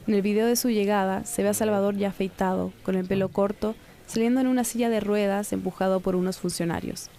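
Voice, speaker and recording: A woman reporter giving calm, measured, scripted narration of a true story. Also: mid-range voice.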